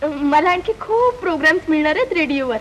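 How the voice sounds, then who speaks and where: A coy, eager young singer in a 1950s film, her voice very high and chatty. A faint hiss runs under the old soundtrack. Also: animated, normal speed, a bit bright, lo-fi sound. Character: cheerful young female singer, shy and eager.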